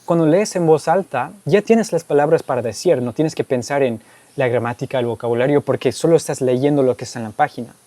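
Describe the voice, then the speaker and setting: A warm-voiced man answers viewer questions on YouTube in a casual Q&A monologue, explaining things in Spanish he learned as a second language. His pitch is medium and his delivery brisk, and he tags statements with "¿ok?" and "¿verdad?" in a recording with no room sound.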